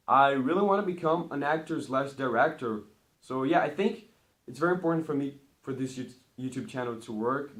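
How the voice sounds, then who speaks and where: Cheerfully rambling to the camera, a Portuguese-speaking Brazilian teen keeps his voice at a normal pitch in this casual vlog. Starting each numbered item, he turns up the volume and sounds brighter.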